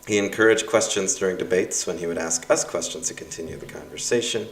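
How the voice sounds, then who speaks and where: Reading his course evaluations aloud, a young adult instructor who grew up speaking Russian talks fast in a low voice. He mocks himself casually and wryly, using lots of fillers, with a distant, roomy recording.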